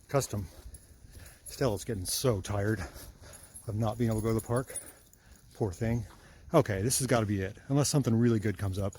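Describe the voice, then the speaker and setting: A man's voice: lowish voice, slight background noise. A man who works as a mechanic, chatting casually and a little out of breath while running outdoors through neighborhood streets with his dog. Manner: chatty, enthusiastic, talking while jogging. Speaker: vlogger, mechanic. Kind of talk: casual walking vlog.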